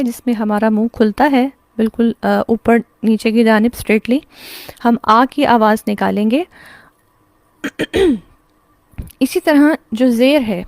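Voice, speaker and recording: A woman with a Pakistani Urdu accent gives an online lesson in a fairly high voice. She explains patiently, step by step, posing questions and answering them herself. The sound is dry and close. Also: darkish tone, dry recording. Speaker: Quran recitation teacher. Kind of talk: online class lecture.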